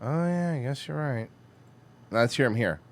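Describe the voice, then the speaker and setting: A man's voice: mid-range voice, lively intonation, moderate pace, a little hiss or hum. A man co-hosting a crude comedy podcast, mocking and swearing as he reacts to a video. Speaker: podcast co-host.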